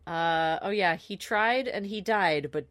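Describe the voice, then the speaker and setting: A woman's voice: on the low side, measured pace, a bit bright, no room sound. A woman on a podcast panel giving wry, exasperated commentary in casual chat.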